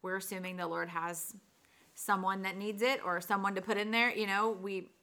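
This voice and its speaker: A woman telling family stories in a casual conversational way, animated and expressive, acting out what each person said. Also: mid-range voice. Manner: animated, expressive, quick to act out dialogue. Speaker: mother sharing a family's mission call.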